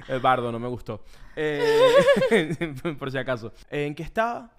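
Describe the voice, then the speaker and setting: A young Venezuelan man chats on a podcast with a Venezuelan accent, joking and laughing as he tells stories. His voice swoops lively, sitting a little high for a man. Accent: Venezuelan Spanish. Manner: joking, storytelling, laughs often. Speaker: podcast co-host. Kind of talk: casual chat.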